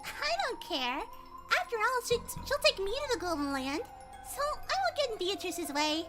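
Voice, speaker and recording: A woman's voice: very high voice, very animated, moderate pace. A woman voicing a creepy little girl in an amateur visual novel read, taunting and unhinged, full of eerie glee. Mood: smug, eerie. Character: creepy little girl, eerily gleeful believer in witches. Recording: music behind the voice.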